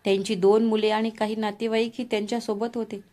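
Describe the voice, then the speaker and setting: A woman narrating a scripted family drama in a steady, dramatic storytelling manner. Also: medium pitch, fast.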